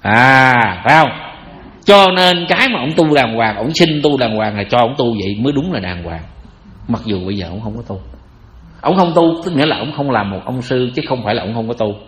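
In an echoey hall, a Buddhist teacher with a Southern Vietnamese accent delivers a sermon in a mid-range, animated, brisk voice that's a bit bright. He keeps it chatty and joking, throwing rhetorical questions at his listeners.

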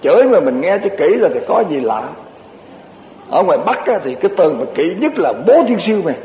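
A man's voice: high voice, sing-song, fairly quick. A man giving a Buddhist dharma talk, folksy and repetitive, stringing lists together with chuckling asides. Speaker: Buddhist teacher. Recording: muffled echoey hall recording with faint hiss.

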